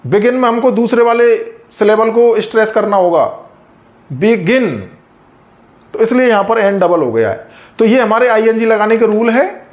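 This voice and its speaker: A man teaching an English grammar lesson, patiently explaining rules and slowly repeating example words. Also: high voice, animated.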